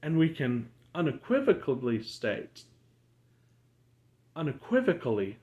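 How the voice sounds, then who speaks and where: A man with a slightly high voice leads a spiritual breathwork session. He talks slowly and deliberately, like a guru, leaving pauses between short phrases. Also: wildly swooping pitch, darkish tone, muffled recording. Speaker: meditation and breathwork teacher, channel host. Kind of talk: guided breathwork and spiritual talk.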